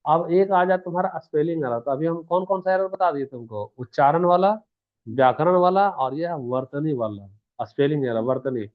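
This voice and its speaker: A man's voice: a little high, normal speed. A man teaching an exam-prep lesson, who poses questions to the class and answers them himself. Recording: tinny phone-like sound.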